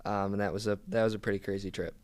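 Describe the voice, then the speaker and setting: A man's voice: fairly low pitch, little pitch movement, rapid-fire, a little mellow, dry recording. A young man from Philadelphia, a podcast guest chatting casually with lots of "um"s and restarts. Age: young adult. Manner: easygoing, many "um"s and restarts. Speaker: guest, pro soccer player.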